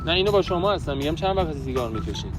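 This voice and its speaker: Doing a street prank for a hidden camera outdoors in a park, a young man speaks in an animated voice on the high side. He teases with pushy, brash, mock-scolding banter as background music plays.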